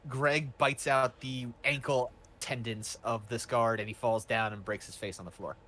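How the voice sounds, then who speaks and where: A man's voice: mid-range voice, steady tone, normal speed, a bit bright, a little hiss or hum. A man narrating as game master in a casual, loose way, with many fillers and restarts.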